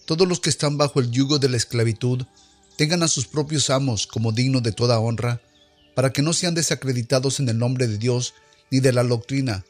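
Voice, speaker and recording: A man reading scripture aloud in a solemn, measured, declamatory way. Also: mid-range voice, soft background music. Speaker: scripture reader.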